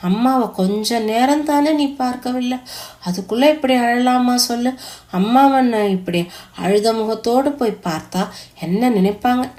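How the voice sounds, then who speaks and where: A woman's voice: a little high, moderate pace, darkish tone, natural voice. Woman reading a worried young mother. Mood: gentle. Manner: weak, worried questioning. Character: anxious young mother recovering in hospital.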